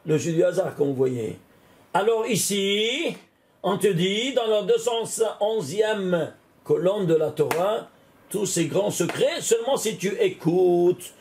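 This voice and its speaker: A man, a rabbi, giving an animated Torah lesson, often exclaiming and putting questions straight to the listener. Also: high-pitched, vocal fry. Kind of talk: lively spoken Torah lesson.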